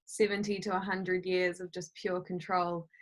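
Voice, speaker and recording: A woman's voice: fairly low pitch, little pitch movement, moderate pace. A woman co-hosting a podcast, talking in a reflective, thoughtful way during a casual chat. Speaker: podcast co-host.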